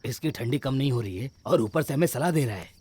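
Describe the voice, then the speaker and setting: A man's voice: medium pitch, expressive, fast talker, darkish tone, husky. An actor dubbing a nervous young male student in a horror film. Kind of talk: Hindi film dub acting.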